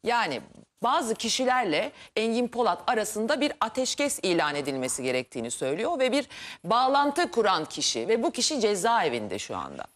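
Woman in her 30s hosting live tv, really animated up and down pitch. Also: brisk. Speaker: TV show presenter. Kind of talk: live magazine-show presenting. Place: TV studio.

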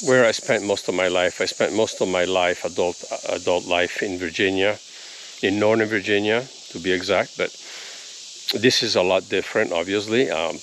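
A man's voice: low-pitched, fairly bright tone, a little hiss or hum. A man in his fifties, originally from Italy, chatting to camera on his rural property in an easygoing, rambling way with lots of ums, filmed on a phone at arm's length. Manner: easygoing, rambling, with many ums and little laughs. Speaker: homesteading vlogger. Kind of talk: casual vlog talk to camera.

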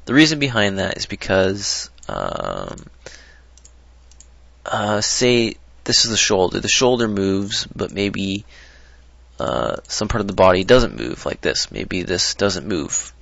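A man's voice: low-pitched, sing-song, takes it slowly, vocal fry, fairly bright tone, dry recording. A man talking through a casual screen-recorded modding tutorial, rambling and hesitant with many ums and restarts, on a desktop mic. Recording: dull lo-fi dry mic.

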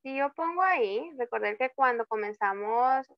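Teaching English grammar online through a video call, a woman speaks in an animated, clean voice on the high side. The sound is dull but free of echo. She paces herself slowly, lengthens her example words, and keeps checking understanding with "¿ok?".

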